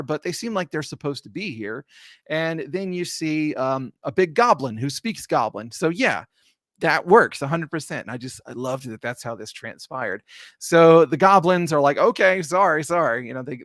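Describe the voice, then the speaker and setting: Man, game master recapping a session; a little high-pitched, dry sound, rambling and self-correcting. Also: animated, moderate pace, a bit bright, no room sound. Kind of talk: casual campaign recap narration.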